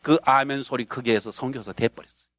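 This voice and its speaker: A man from North Korea with a North Korean accent, a pastor and missionary telling a story in a sermon, acting out the scenes with bursts of shouting and laughter. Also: mid-range voice, fairly even intonation, brisk, dry recording.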